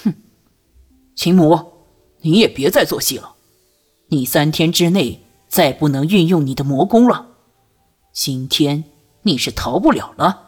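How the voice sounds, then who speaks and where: A ruthless masked swordsman mocks his cornered enemy in a cold, sneering voice, as a woman reader puts him on. The tone is low-set and a little husky, in the manner of an audiobook villain. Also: animated, unhurried, pauses often, a little mellow, soft background music, exaggerated voice. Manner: cold, mocking. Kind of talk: audiobook character voice.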